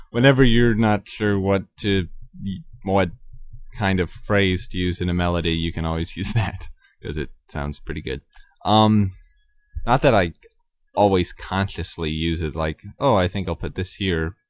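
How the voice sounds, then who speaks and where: A man hosting his own podcast, talking casually and haltingly about composing, with many ums and self-corrections. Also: sits low, fairly even intonation, no echo, studio quality. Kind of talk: casual solo talk about his music.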